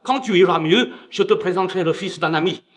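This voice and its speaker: An actor dubbing a wealthy businessman father who coaxes his daughter, with a calm, fatherly manner. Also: high-pitched, brisk, close to an everyday voice. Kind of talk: dubbed drama acting.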